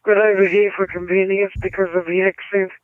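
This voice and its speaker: A man, a ham radio operator talking haltingly over a narrow AM-style radio link. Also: high-pitched, level tone, no echo. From New Zealand. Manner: halting, many ums, signs off with "over". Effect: heard over a narrow AM-style radio link. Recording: tinny lo-fi radio audio.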